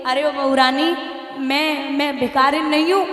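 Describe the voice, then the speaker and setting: A humble old village mother, put on by a woman storyteller, pleading in homely speech. The voice sits high and bright. It rings out in an echoey hall with a long tail. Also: fairly even intonation, a little slow.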